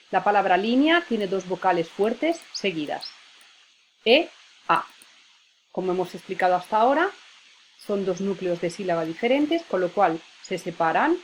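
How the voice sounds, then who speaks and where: A woman's voice: medium pitch, slight background noise. A woman teacher, patiently explaining spelling rules and spelling out words syllable by syllable. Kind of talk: spelling lesson.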